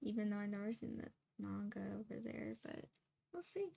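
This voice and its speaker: A woman's voice: mid-range voice, expressive, a little fast, creaky, dark tone. A young woman chatting casually and a little sleepily as she paints, rambling and laughing often. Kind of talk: casual chat while painting.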